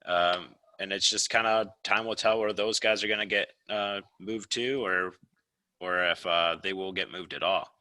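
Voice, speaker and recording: Man, podcast co-host, very low voice with a sharp edge, measured sports analysis. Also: steady tone, no room sound, rough recording. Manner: measured, lays out analysis point by point. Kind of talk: casual sports chat.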